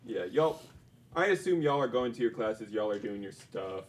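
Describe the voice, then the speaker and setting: Halting young game master, male. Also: fairly low pitch, expressive, a little hiss or hum. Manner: halting, many fillers. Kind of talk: narrating a tabletop game.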